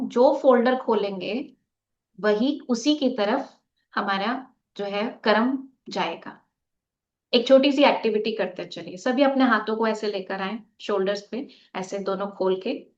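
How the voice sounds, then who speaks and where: Woman meditation teacher, fairly high voice, live online class over muffled video-call audio, rhetorical questions. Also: a bit bright. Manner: asks rhetorical questions and leads a group activity; mixes in English words.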